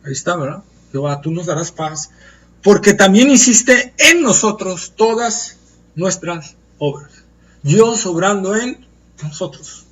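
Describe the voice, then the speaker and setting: High-voiced man preaching, distant mic. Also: expressive, fairly bright tone. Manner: earnest, emphatic, slows to stress key phrases. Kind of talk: Bible study sermon.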